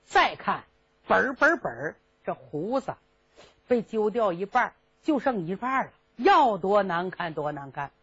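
Woman storyteller, high animated voice, muffled lo-fi. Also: moderate pace, husky. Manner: lively, dramatic narration. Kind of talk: traditional storytelling. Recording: dull lo-fi recording.

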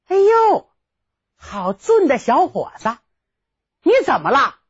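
A woman voicing a pretty, bold young maid who speaks in a high, chirpy, coquettish way, on a dull lo-fi recording. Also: sing-song, moderate pace.

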